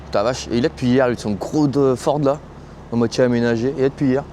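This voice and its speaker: Chatty young French trucker, outdoors. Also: male voice, medium pitch, fairly even intonation, fast talker, warm tone, a little hiss or hum. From France. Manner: slangy, chatty, talks straight to his viewers. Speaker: truck driver vlogger. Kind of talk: casual vlog chat. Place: truck stop outdoors, cold and windy.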